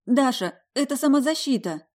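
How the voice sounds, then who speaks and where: A woman voicing a frightened, tearful young woman who pleads in a high, shrill voice in a storybook reading. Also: expressive, fairly quick, darkish tone. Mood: panicked.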